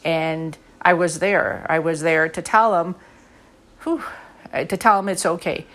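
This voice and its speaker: Middle-aged woman podcast host, low-set voice, sincere and meandering, heavy on "um"s. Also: measured pace, a bit bright. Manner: earnest, rambling, with many fillers. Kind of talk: casual heartfelt monologue.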